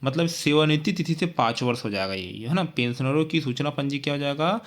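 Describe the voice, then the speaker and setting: A man talks through an exam-prep lesson, his voice pitched a little above most men. He repeats each point several times and keeps checking in with the listener through tag questions. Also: a little fast. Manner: repetitive, coaching tone with frequent "है ना" tag questions. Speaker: teacher.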